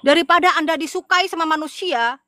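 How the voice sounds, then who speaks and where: A woman's voice: high-pitched, fairly quick, sharp tone, dry recording, clean studio sound. A middle-aged woman from Madura, Indonesia, an evangelist talking casually to her viewers, stressing and repeating her points. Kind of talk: casual livestream talk to viewers.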